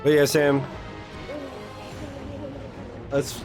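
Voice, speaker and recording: With game music behind him, a streamer reacts to a game in casual live-stream chat, blunt, slangy and swearing liberally. His slightly high voice is completely flat, and he draws his words out.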